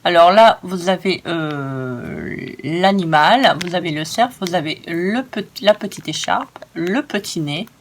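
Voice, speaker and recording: A woman's voice: fairly low pitch, animated, a little slow, a little hiss or hum. A woman hosting a casual crafting demonstration, chatty and enthusiastic, often stumbling over her words. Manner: gushing and enthusiastic. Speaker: craft video host.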